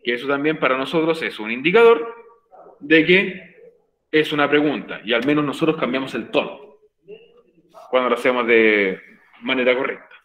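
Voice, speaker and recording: A man's voice: mid-range voice, moderate pace, long pauses, a bit bright, reverberant, rough recording. A male English teacher giving an online class, explaining patiently and often checking that students follow. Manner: patient, repeats points, checks understanding with frequent "ok?". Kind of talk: virtual class explanation in Spanish.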